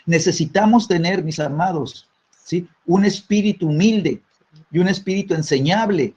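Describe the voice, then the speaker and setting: In a dull lo-fi recording, a man teaches through a sermon with a high-pitched, darkish, slightly rough voice at a moderate pace. He tacks tag questions onto nearly every phrase and repeats words as he restarts.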